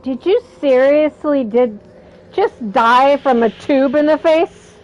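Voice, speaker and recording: A woman's voice: high voice, slow pace, a little mellow, muffled recording. A woman giving casual gameplay commentary, playful and muttering as if talking to herself. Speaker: video game player commenting on play.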